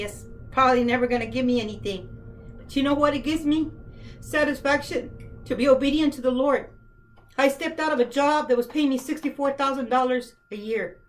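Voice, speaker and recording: A woman's voice: fairly high pitch, poor audio. A woman speaking earnestly to camera about her work, impassioned and emotional, often asking listeners direct questions. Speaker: author and former detention center worker.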